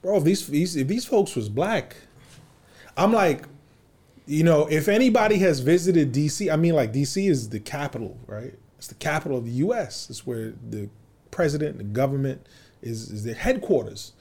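This man has a somewhat high voice. He speaks with heat and emphasis, with frequent swearing, as a guest in a casual podcast chat. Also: expressive, moderate pace, darkish tone, slightly rough. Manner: heated, emphatic, profane.

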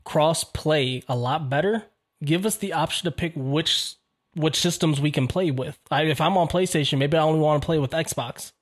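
A man co-hosting a casual podcast chat, opinionated and quick to jump in. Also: on the high side. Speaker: podcast co-host.

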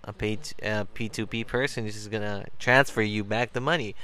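A man's voice: lowish voice, fairly even intonation, a little fast, pushed and bright. A man co-hosting a casual crypto chat, making jokes and playful asides. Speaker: co-host.

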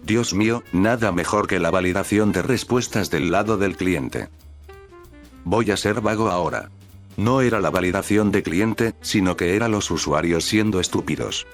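A man with a very low voice reads out a string of short stories in a steady, scripted narration. His delivery stays even from line to line, with soft music playing quietly underneath. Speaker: narrator reading online stories.

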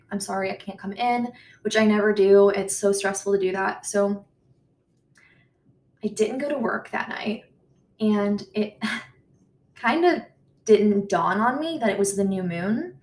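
A young woman chatting casually to her viewers, rambling, talking quickly and swearing freely. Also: medium pitch, a little mellow. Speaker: YouTuber. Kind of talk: casual chat vlog. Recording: roomy sound from a distance.

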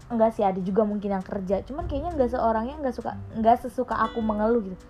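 A woman's voice: on the high side, quick pace, over music. A young woman in casual late-night chat, candidly and emotionally recounting her struggles, with many fillers. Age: young adult. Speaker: podcast co-host.

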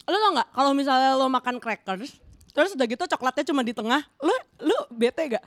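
A woman's voice: high-pitched, expressive, fairly quick, no echo. A young woman co-hosting a casual snack review vlog, chatty and musing, with slangy asides. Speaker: vlog co-host.

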